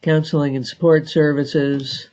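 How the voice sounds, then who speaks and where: A man walks trainees through a software screen at an unhurried, measured pace. He pauses often with fillers as he clicks through each step. The sound is dull and lo-fi, like a recorded webinar. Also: a little high, little pitch movement. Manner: slow and deliberate, many filler pauses. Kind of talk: screen-share software tutorial.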